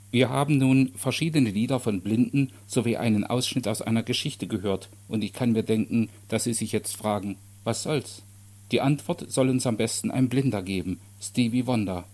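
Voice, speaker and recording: A man reading a story aloud and then giving measured, earnest commentary as a radio presenter. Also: mid-range voice, darkish tone.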